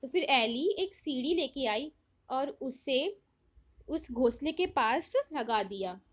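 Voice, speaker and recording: A woman teacher with a high, expressive voice goes slowly through a worksheet for young children. She reads English lines, then explains them in Hindi, posing questions and answering them herself.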